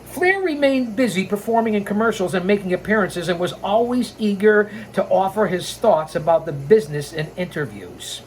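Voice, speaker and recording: The host of a pro wrestling storytelling show reads a scripted biography, breaking off into rants and informal asides, with a noisy background behind him. He's blunt, opinionated, sarcastic, and swears, speaking in an animated, slightly mellow mid-range voice at a moderate pace with few pauses.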